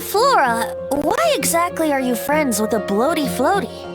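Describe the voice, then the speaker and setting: A man's voice: extremely high pitch, big pitch swings, measured pace, full character voice. An actor playing a playful young male bard who is teasing, whimsical and theatrical, and fond of wordplay. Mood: amused. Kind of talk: game voice acting. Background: game music.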